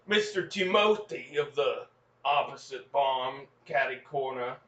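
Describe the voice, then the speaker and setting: A man's voice: mid-range voice, lively intonation, unhurried, bright, forceful tone. A podcast host voicing a young frontier farm boy who spins a rambling tall tale in an exaggerated Old West drawl. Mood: earnest folksy. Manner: folksy rambling yarn with gasps and exclamations. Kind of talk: comedic improvised storytelling. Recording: echoey, lo-fi, distant mic.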